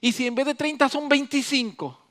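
A preacher doing a pleading old Abraham. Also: male voice, very high-pitched, moderate pace, a bit bright, pitched above the performer's own voice. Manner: pleading, coaxing.

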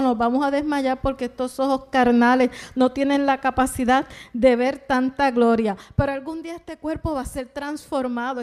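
Middle-aged lady preaching, high voice, earnest, tells stories and acts out the quotes. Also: darkish tone. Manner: earnest, testimony-driven, acts out quoted dialogue. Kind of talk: sermon.

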